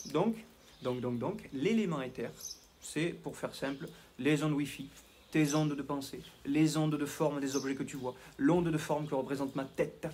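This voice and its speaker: A man's voice: medium pitch, darkish tone, a little hiss or hum. A man with a southwestern French accent, a health coach talking to camera in a rambling, self-mocking, digressive way. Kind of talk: casual talking-head monologue.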